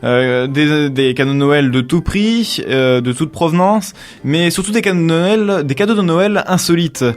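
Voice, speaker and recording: A man's voice: a little high, moderate pace. A man co-hosting a casual radio show, rambling through gift ideas with many restarts and fillers.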